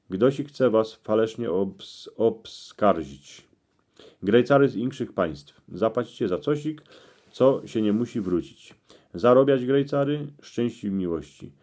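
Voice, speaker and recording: A man with a Cieszyn Silesian accent reading out interpretations in dialect, in terse phrases with pauses. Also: lowish voice, warm tone. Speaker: presenter explaining dream meanings.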